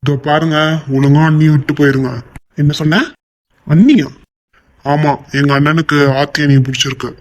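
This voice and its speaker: A man's voice: a little high, steady tone, normal speed, long pauses, natural voice. A man voicing a menacing young thug loyal to his kidnapper brother in a cartoon, blunt and threatening.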